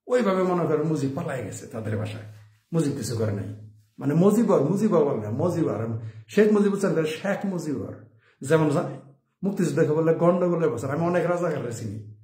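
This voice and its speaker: A political commentator delivers an opinionated monologue, firing off rhetorical questions and chuckling at his own points. His voice is a little high and a little mellow, heard in a roomy, echoey space.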